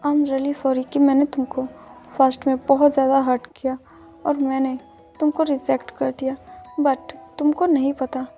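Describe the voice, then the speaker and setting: A flustered, lovesick young man who gets worked up easily, played by a woman storyteller. The voice sits high and warm, with faint music in the background. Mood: earnest.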